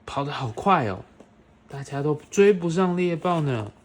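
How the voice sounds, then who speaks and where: A woman's voice: deep voice, expressive, normal speed, a little mellow. A woman reading a picture book aloud to a toddler, expressively, with questions and playful sound effects. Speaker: storyteller reading a picture book to a young child. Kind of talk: animated read-aloud to a toddler.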